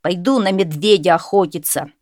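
A woman doing a loud, boastful dim young hunter. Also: fairly low pitch, no echo, studio quality, close to an everyday voice. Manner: loud, eager, drawn-out exclaiming.

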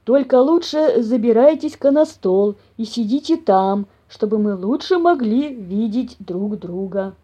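Woman doing old papa bear, huge, half-deaf, booming, slow, puzzled, storybook. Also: expressive, warm tone, slightly rough. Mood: mild. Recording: dull lo-fi audio.

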